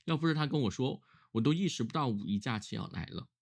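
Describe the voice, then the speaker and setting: A man's voice: mid-range voice, expressive, fast, a little mellow. A man who is ill with a cough, talking casually and reflectively on his own in a weary, musing way, as a solo vlogger.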